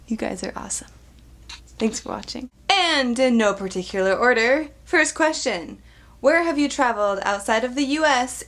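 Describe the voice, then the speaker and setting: A woman's voice: medium pitch, a bit bright. A young woman in her twenties from Arizona, chatting bubbly and giggly in a casual Q&A vlog, close to the camera mic. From Arizona, United States. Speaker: vlogger. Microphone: camera mic at close range.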